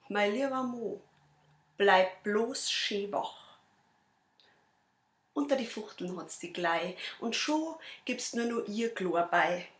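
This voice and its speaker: A woman with a Bavarian accent, a cabaret performer reciting a dialect poem in a measured, rhythmic way. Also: mid-range voice, fairly bright tone, echoey room. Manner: measured, rhythmic verse delivery.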